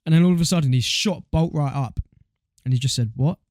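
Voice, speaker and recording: Laid-back young British man, mellow voice. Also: fairly high pitch, brisk, no echo, clean studio sound. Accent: British English. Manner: laid-back slangy storytelling with fillers. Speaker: podcast co-host. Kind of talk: casual chat.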